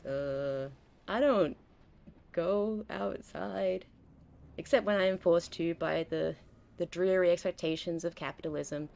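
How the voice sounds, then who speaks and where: A young woman with a lowish, gravelly, darkish voice chats her way through a game stream. She rambles casually and tends to abandon sentences halfway.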